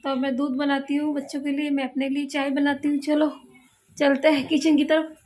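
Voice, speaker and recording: Mother-vlogger, woman, high bright voice, chatty and homely, recorded at home. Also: level tone, moderate pace. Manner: chatty, scolds children gently. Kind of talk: casual home vlog chat. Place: home indoors.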